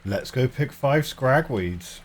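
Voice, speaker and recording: Slow-talking man with lively, swooping pitch. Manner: wry, musing aloud to himself. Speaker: gamer. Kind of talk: casual video game playthrough commentary.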